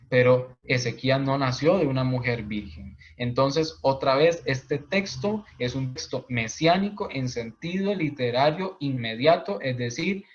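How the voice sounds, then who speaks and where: A man from Costa Rica, a priest teaching a Bible course, explaining patiently and often checking in with his listeners. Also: medium pitch. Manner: patient, repeats points, frequent tag questions. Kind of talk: explanatory lecture. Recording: dull lo-fi audio.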